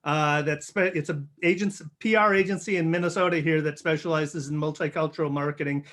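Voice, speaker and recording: A man hosting an interview show, friendly and halting, often restarting his questions. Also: on the high side, steady tone, fairly bright tone. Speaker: podcast host.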